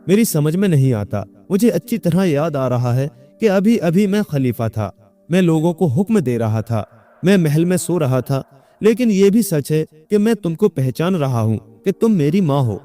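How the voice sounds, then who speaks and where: Figure: man playing an arrogant young man sure he is caliph, ordering people about, storybook tale. Mellow tone. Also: on the high side, very animated, soft background music. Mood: bewildered. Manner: commanding, indignant.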